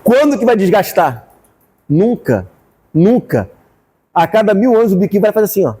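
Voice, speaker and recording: A man with a Brazilian Portuguese accent preaching a fervent sermon as pastor, rising to shouts at times. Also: sits high, big pitch swings, moderate pace, husky, in a large hall.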